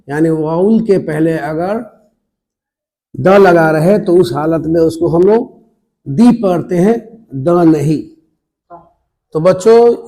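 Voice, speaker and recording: A man with an Indian accent, teaching English pronunciation to his students in a classroom style, spelling words out and repeating them deliberately. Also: fairly high pitch, warm tone. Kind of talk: slow classroom pronunciation lesson.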